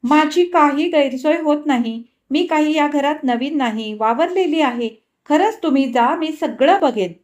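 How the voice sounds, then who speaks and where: A woman's voice: high voice, measured pace, few pauses, pitched above the performer's own voice. A woman voicing a polite, earnest young woman guest who insists on helping.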